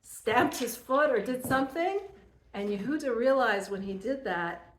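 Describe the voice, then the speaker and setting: A woman teaching a Torah class to a group, retelling stories and parables in an earnest, animated way. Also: on the high side, a little slow, slight background noise. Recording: roomy echo.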